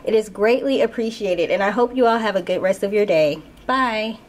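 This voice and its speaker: A woman's voice: medium pitch, moderate pace. A woman hosting a casual spoken tarot reading as the reader. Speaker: tarot reader and channel host.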